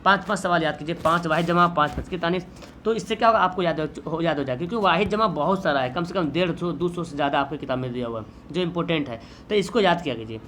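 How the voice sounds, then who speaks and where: A man's voice: fairly high pitch, fast talker, a bit bright, slight background noise. A man with a Bihari Hindi accent teaching an exam-prep lesson, patiently explaining and repeating his questions back to students.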